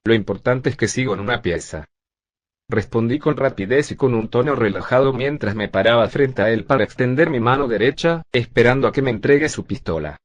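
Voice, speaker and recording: A male text-to-speech voice narrating a first-person zombie story in a steady, even reading. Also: medium pitch, no room sound.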